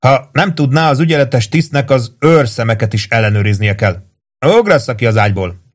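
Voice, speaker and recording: A man's voice: medium pitch, expressive, lightly acted. A man reading aloud, voicing a bored, impatient army duty officer in an audiobook.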